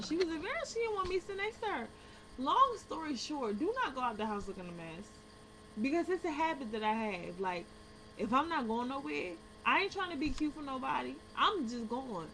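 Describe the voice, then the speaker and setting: A woman's voice: a little high, low-quality recording. A young American woman telling a personal story casually to viewers, blunt and slangy, swearing freely and acting out the dialogue. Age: young adult. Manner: animated retelling, acting out dialogue. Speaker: vlogger telling personal stories. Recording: background hum and room noise.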